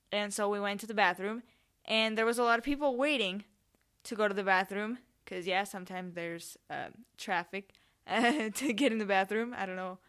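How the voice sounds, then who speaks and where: A woman's voice: medium pitch, pushed and bright, clear, resonant tone. A young adult woman hosting a podcast, telling stories casually in a rambling, informal way and often correcting herself. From Spain, with family in Mexico. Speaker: podcast host. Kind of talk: casual solo storytelling.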